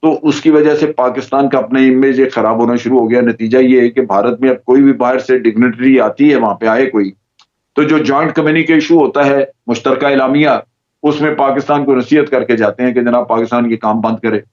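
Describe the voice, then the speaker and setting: A man with a Pakistani Urdu accent, a judge giving measured, explanatory answers as a guest on a TV current-affairs program. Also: mid-range voice, fairly even intonation, a little mellow. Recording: slightly dull lo-fi audio.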